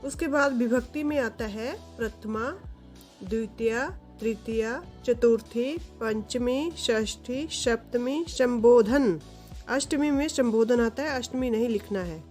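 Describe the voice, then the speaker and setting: Woman teaching grammar over soft music. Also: a little high. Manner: recites word forms in slow steady lists. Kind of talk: grammar lesson.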